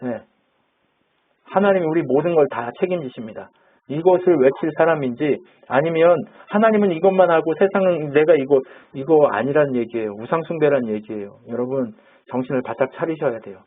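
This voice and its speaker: Husky male pastor on a tinny line. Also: fairly high pitch, fairly quick. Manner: conversational preaching, asks the congregation questions and acts out quotes. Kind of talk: sermon. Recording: phone-like narrow band.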